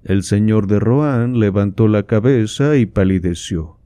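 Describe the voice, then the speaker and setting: A man narrates a classic novel in a calm, measured way. His voice is low and unhurried, with a dark tone. The recording is dry and close. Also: no room sound. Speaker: audiobook reader. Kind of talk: reading a novel aloud.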